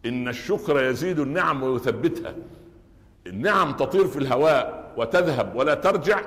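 A man's voice: mid-range voice, lively intonation, fairly quick, fairly bright tone, big-room sound. A man with an Egyptian Arabic accent, preaching a Friday sermon lesson and telling stories with acted quotes and humor.

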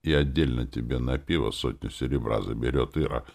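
A man voicing a cocky, blunt young dark mage in an audiobook, flippant and dry. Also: a bass voice, fairly quick, vocal fry, voice pushed down, heavily acted. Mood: cold.

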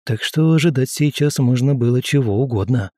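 Man reading an audiobook in a mellow voice. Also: mid-range voice, dry recording, studio quality. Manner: steady, measured reading. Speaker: audiobook narrator. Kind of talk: scripted first-person narration.

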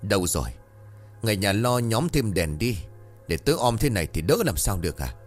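A man voicing a stern, scolding old village midwife woman with a shrill voice, in a told horror story. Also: lively intonation, brisk, soft background music.

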